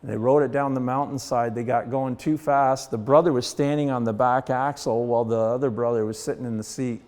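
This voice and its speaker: A man's voice: mid-range voice, steady tone, a little fast, few pauses, darkish tone. Folksy man giving a museum tour. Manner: folksy storyteller, acts out quoted people. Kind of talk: casual guided tour and storytelling. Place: heritage centre exhibit hall.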